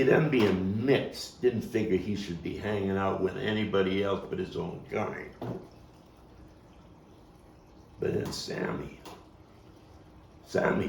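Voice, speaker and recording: In a table read, a man with a low, somewhat mellow voice plays a gravelly, wry Brooklyn storyteller reminiscing coarsely about his boyhood gang. His mood is earnest and gritty, his delivery dramatic with pauses and swelling emphasis, and the roomy recording has a distant mic and faint noise.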